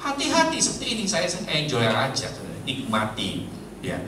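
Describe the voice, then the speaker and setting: A man preaching a humorous church sermon, joking and swinging between loud and low. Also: huge pitch swings, fairly quick. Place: church hall. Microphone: handheld mic with battery trouble. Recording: echoey hall, mic far off, noisy.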